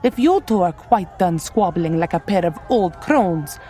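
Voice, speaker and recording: A woman's voice: lowish voice, animated, measured pace, dark tone, faint music behind. A woman voicing a sly, teasing female reptilian rogue in an audio drama, with polite, formal phrasing. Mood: composed.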